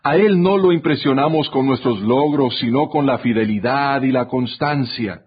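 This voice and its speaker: A man with a mid-range, slightly breathy voice reads a scripted radio reflection at a normal pace, performing the quotes as he tells a story in his role as commentator. The audio has a dull, lo-fi radio character.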